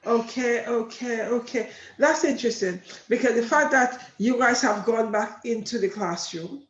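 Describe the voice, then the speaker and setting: A woman's voice: a little high, normal speed. A woman hosting a conversational interview, asking inquisitive questions and repeating acknowledgements as she listens. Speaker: host interviewer. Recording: roomy, dull lo-fi call audio.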